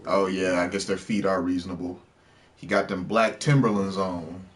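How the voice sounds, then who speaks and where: A man's voice: low-pitched, little pitch movement, moderate pace. A man casually commenting on a game he is playing, chatty and wisecracking as he reacts to the screen. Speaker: streamer. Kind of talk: casual let's play commentary.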